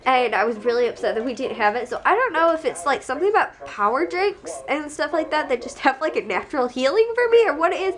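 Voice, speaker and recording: A young woman vlogs at home while sick and congested, rambling chattily to the camera and laughing often. Her high voice swings widely in pitch, and she talks fast with few pauses.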